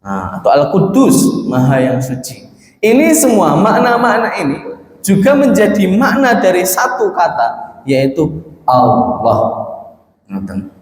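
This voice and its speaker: A man's voice: high voice, wildly swooping pitch, a little slow, a little mellow. A man with a Javanese accent teaching a religious class, explaining patiently and repeating key terms as he translates Arabic phrases. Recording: echoey hall with long reverb.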